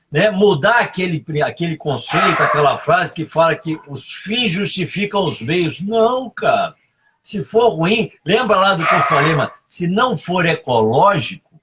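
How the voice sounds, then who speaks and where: A man's voice: on the high side, fairly bright tone, a little hiss or hum. A man, giving emphatic leadership advice as a guest in a live interview, often asking "right?". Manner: emphatic, coaching, fond of tag questions.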